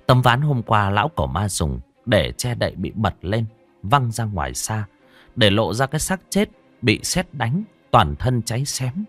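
A man reading a horror story aloud with dramatic, expressive delivery. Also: fairly low pitch, measured pace, soft background music. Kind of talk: scripted horror story narration.

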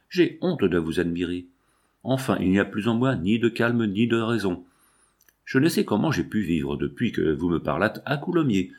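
A man's voice: on the low side, darkish tone. A man voicing a jealous, anguished nobleman husband who questions his wife with impassioned reproach, in an audiobook reading.

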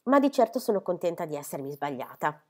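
A woman voicing a flustered, chatty middle-aged spinster who talks in high, gushing bursts. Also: sing-song, fast. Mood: chattering. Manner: gushing, high, breathless apologies.

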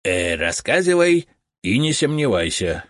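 A man's voice: fairly low pitch, big pitch swings, a little slow, slightly rough, dry recording, studio quality, full character voice. A man putting on a boastful house spirit. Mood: self-important. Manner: bossy, know-it-all, grumbling with 'eh' fillers. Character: boastful self-important male house spirit. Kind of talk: audiobook character voice.

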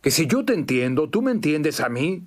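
An actor playing a gruff, impatient army sergeant in a Latin American Spanish film dub, giving curt drill-sergeant orders. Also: male voice, fairly high pitch, very animated, moderate pace. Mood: stern, impatient. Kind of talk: dubbed film acting. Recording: faint background noise.

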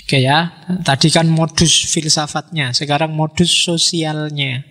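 A man with a lilt lectures on philosophy in an easy, talky way, often turning questions back on his audience. His voice sits a little high for a man. A long hall reverb trails behind each phrase. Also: a little slow. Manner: relaxed, conversational, poses questions to listeners.

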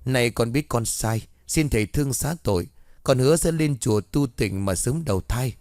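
A man's voice: medium pitch, normal speed, darkish tone, no room sound, studio quality, lightly acted. A man doing a possessing soldier ghost. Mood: pleading. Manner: rough threats turning to begging.

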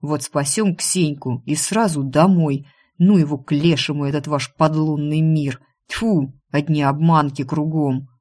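A woman voicing a frightened young man who shouts at the things he fears. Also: on the high side, fairly even intonation, a little slow. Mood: fed up. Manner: shouting, exclaiming.

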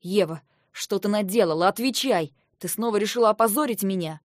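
A short-tempered young man, as a woman reads him in an audiobook, shouting reproaches. His voice sits close and dry, with no room around it, and he stays loud and accusing. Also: mid-range voice, brisk, dry recording, lightly acted. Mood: angry. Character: angry young man, hot-tempered brother.

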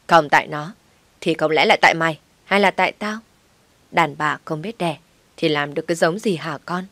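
A loud, scolding older mother-in-law from a storybook, domineering and scornful, as a woman narrator puts her on. She sits a touch low and belts her lines in a close, dry sound. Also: steady tone, moderate pace, no room sound, close to an everyday voice. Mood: furious. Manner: shouting, scolding. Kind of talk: audiobook story reading.

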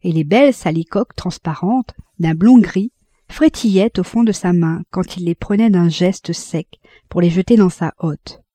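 A woman reading a classic novel aloud in an expressive, measured audiobook narration. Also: lowish voice, no echo. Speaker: audiobook reader.

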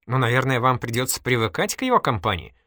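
A man's voice: medium pitch, big pitch swings, fast, bright, forceful tone, dry recording, clean studio sound. A man playing a wry, polite young detective. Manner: polite, dryly humorous. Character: calm, wry young male police detective. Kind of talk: audiobook character voice.

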